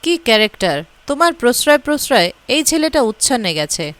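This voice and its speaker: A woman's voice: on the high side, sing-song, a little fast, a bit bright, dry recording. A woman reading as an indignant scolding father. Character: stern middle-aged man, a disapproving father.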